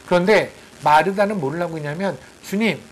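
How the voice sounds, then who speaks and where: A man with a high voice delivers a sermon as a missionary preacher. He talks conversationally, acting out quotes and firing off rhetorical questions at his listeners. Faint noise hums behind him. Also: animated, fairly quick, poor audio.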